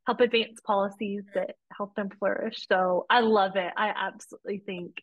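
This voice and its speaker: A woman's voice: medium pitch, fairly even intonation, normal speed, dry recording, phone-quality sound. Earnest woman guest, dry close sound. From Romania. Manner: earnest, warm storytelling with frequent restarts. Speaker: podcast guest, policy advocate. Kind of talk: conversational interview.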